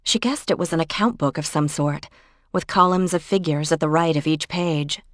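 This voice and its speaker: A woman audiobook narrator reading a cozy mystery novel in a measured storytelling manner. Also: low-pitched, no room sound, studio quality.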